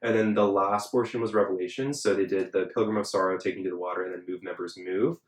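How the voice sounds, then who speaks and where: Young man, slightly low voice, casual podcast chat, lots of "like", echoey room. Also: steady tone, fast. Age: young adult. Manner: filler-heavy, chatty, frequent "like". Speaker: podcast host. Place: Los Angeles. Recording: roomy echo.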